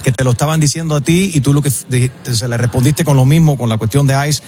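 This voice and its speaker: A man's voice: mid-range voice, fast, a little mellow, slight background noise. A man hosting an interview, chatty and joking, often stumbling over his words. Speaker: interview host. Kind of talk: casual interview chat.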